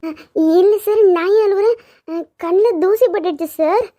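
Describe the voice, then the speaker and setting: A woman voicing a very high-pitched young maid. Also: moderate pace, dark tone. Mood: denying. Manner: earnest, pleading denials. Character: young housemaid woman, shy, hiding her hurt. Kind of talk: cartoon dubbing.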